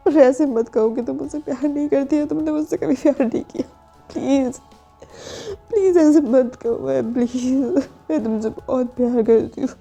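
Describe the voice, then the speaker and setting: Woman doing heartbroken crying lady boss, desperate, high strained voice, dark tone. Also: normal speed, creaky, soft background music. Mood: desperate, tearful.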